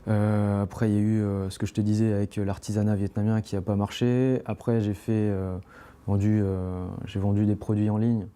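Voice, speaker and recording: Here the young French podcast guest, founder of a climbing brand, sounds lowish, mellow and clean, with a flat delivery at normal speed. His casual, rambling talk is dotted with fillers and restarts.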